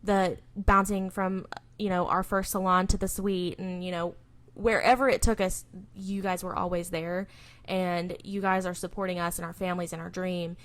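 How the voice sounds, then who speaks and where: A woman's voice: fairly low pitch, little pitch movement, moderate pace, fairly bright tone. Chatty young woman podcast host. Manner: rambling, filler-heavy. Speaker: podcast co-host, salon owner. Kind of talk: casual chat.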